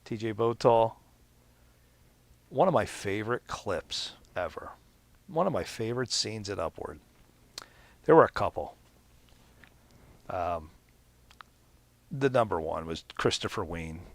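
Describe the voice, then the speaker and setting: A middle-aged man with a Pennsylvania accent, hosting a podcast and telling a rambling, enthusiastic story. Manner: rambling, enthusiastic, acts out quoted people in a high voice. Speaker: podcast host and league announcer. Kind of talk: casual storytelling.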